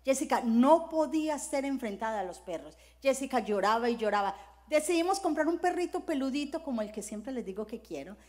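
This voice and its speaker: Middle-aged lady pastor, high voice, preaching thru stories, acts stuff out w little sound words. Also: lively intonation, fairly quick, darkish tone. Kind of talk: sermon with personal stories.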